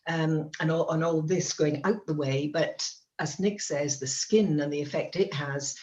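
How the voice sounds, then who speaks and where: A woman's voice: low voice, a little slow, darkish tone, highs cut off. A woman, explaining things conversationally as a founder being interviewed. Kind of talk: casual explanatory chat.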